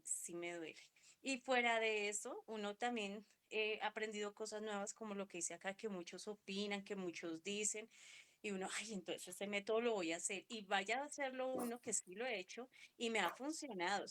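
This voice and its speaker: A woman's voice: mid-range voice, a bit bright, clear, resonant tone. Middle-aged woman in a bible study chat, emotional, keeps restarting her sentences. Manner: emotional and halting, with many restarts. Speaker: participant in a women's Bible study. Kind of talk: personal reflection in a group discussion.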